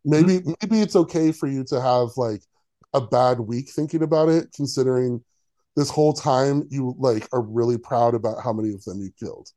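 Male podcast co-host, mellow low tone, sarcastic, opinionated riffing. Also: moderate pace. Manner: sarcastic, opinionated, lots of fillers. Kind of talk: casual chat.

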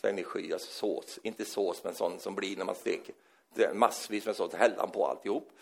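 A man preaching a sermon in an animated storytelling manner, often acting out the people he quotes. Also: deep voice, creaky, slightly rough.

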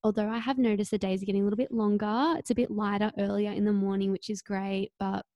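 Young woman co-host, reflective, gravelly fry, dry mic. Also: medium pitch, little pitch movement, fast talker, warm tone, no echo, muffled recording. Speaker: podcast co-host. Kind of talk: casual chat.

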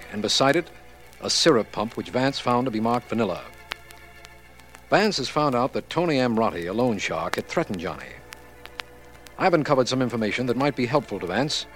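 An actor playing an earnest, proper district attorney in a 1940s radio detective drama, speaking in a factual, clearly articulated way. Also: male voice, mid-range voice, lightly acted, poor audio.

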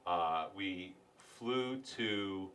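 A man's voice: low-pitched, very slow, fairly bright tone. A man in his thirties hosting a podcast interview, chatty and rambling, often correcting himself. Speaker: podcast host. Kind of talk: casual interview chat.

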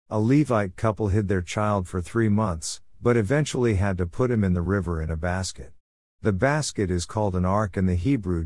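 A man's voice: lowish voice, a little mellow, no echo, clean studio sound. Earnest man reading a Bible lesson. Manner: measured, earnest reading with scripture quotes. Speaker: Bible teacher. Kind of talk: scripted Torah portion teaching.

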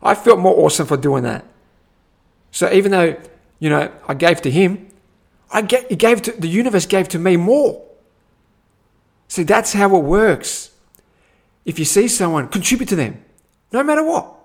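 A young man gives a casual motivational talk as a personal growth teacher, animated and repetitive, often saying "my friend". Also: high-pitched, moderate pace, vocal fry, long pauses. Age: young adult.

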